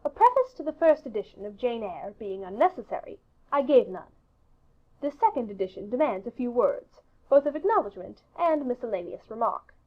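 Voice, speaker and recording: A woman with a slightly high voice narrates a literary audiobook, very animated and fairly quick, though the recording has its highs cut off. Her scripted reading is formal, precise and emphatic.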